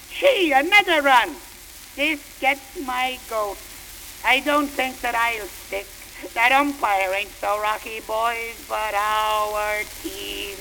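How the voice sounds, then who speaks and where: Excitable young male ballpark fan, put on by a woman, old-time slang, bright tone, faint noise behind. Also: on the high side, gravelly, exaggerated voice, rough recording. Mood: grumbling. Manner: old-time slangy dialect, shouting at the field. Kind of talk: comic poem recitation.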